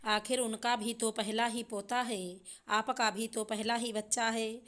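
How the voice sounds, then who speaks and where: A woman's voice: a little high, steady tone, measured pace, fairly bright tone. A woman voicing a young daughter-in-law and new mother, speaking in a pleading, tearful complaint. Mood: aggrieved.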